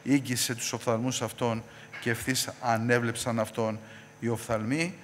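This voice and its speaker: A man preaching a sermon in a church, repeating questions and answering them with rising force, then dropping to a low voice. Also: level tone, fairly bright tone, in a large hall, slight background noise.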